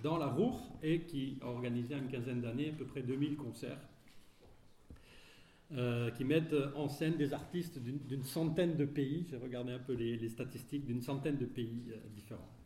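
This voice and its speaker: A man with a soft-toned, mid-pitched voice gives an introduction as host of a public event. He pauses hesitantly within his phrases. The room rings with echo, with slight noise. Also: steady tone. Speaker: host introducing a guest speaker. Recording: echoey room, faint noise.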